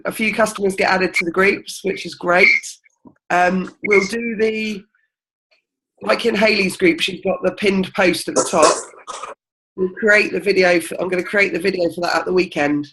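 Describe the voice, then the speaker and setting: A woman's voice: medium pitch, fairly even intonation, moderate pace, background noise. A woman leading a team meeting, talking casually and encouragingly with plenty of ums. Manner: chatty and encouraging, with many ums. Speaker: team leader. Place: indoor group meeting.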